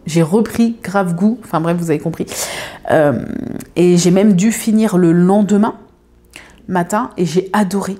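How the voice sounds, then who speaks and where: Chatty woman, mellow low voice. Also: normal speed, pauses often. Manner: rambling, many fillers and restarts. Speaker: craft video creator. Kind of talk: casual chat to viewers. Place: home.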